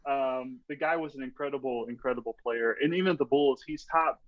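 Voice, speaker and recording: A man's voice: mid-range voice, brisk, no echo. Chatty man, rambling fillers, dull dry sound. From Texas. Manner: rambling, lots of "like" and "you know". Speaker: podcast guest, strength coach. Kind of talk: casual podcast storytelling.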